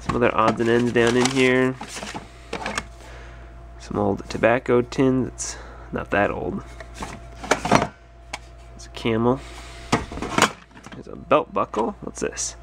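A very noisy clip of a resale store owner musing as he sorts totes in a cluttered stock room, shot on a handheld or head-mounted camera for a casual narrated unboxing vlog. His mid-range voice is expressive and slow, with vocal fry and frequent pauses.

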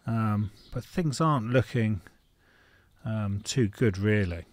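A man's voice: fairly low pitch, takes it slowly, darkish tone, dry recording. A middle-aged man, talking casually and frankly as he works on a car in an indoor garage, thinking aloud with fillers. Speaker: home mechanic. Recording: faint noise and tool clicks.

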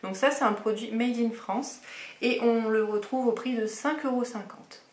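A woman's voice: fairly high pitch, fairly even intonation, moderate pace, darkish tone. A woman chatting casually through a beauty box unboxing, enthusiastic and full of hesitations. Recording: roomy echoey room.

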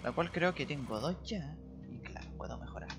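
A man's voice: a little high, animated, fairly quick. A man hosting a gaming video, commenting casually and informally on his play, with muttered reactions. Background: video game music.

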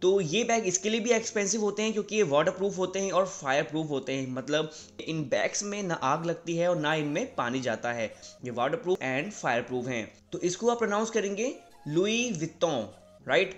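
A young Indian man giving a casual video lesson, repeating words slowly and often checking with "right?". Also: fairly high pitch, faint music behind. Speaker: English teacher.

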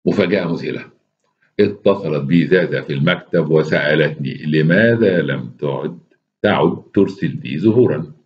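A man with an Egyptian Arabic accent reading a short story aloud with expressive, wry delivery and casual asides. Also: extremely low pitch, normal speed, muffled recording. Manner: expressive, wry, laughs at his own asides.

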